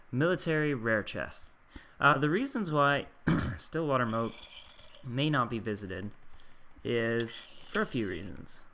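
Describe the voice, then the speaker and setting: Bright-voiced young man narrating gameplay. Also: medium pitch. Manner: rambling, filler-heavy, chatty. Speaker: gaming YouTuber. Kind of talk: casual gameplay commentary.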